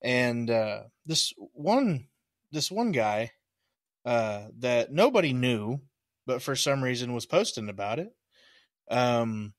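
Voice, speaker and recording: A young man co-hosting a casual podcast, telling a story at a slow, unhurried pace and leaning on hesitant fillers. His middle-pitched voice sounds dry and close to the mic. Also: no room sound. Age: young adult. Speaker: podcast co-host. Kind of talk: casual chat.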